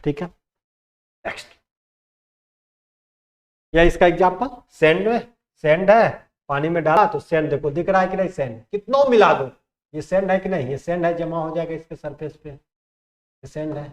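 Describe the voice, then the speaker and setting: A man's voice: on the high side, normal speed, pauses often. A man teaching chemistry in Hindi, who asks the class questions and answers them himself and mixes in English terms. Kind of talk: classroom lecture.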